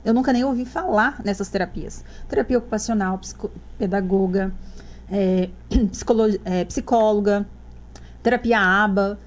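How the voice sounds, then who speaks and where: A woman's voice: mid-range voice, moderate pace. A woman, a mother guest on a podcast, telling her story in casual chat and acting out the dialogue she quotes.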